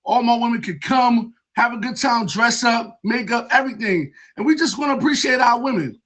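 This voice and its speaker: Male DJ guest, fairly high voice, upbeat and appreciative. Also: fairly quick, fairly bright tone. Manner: upbeat, thankful, short replies. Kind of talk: casual livestream chat.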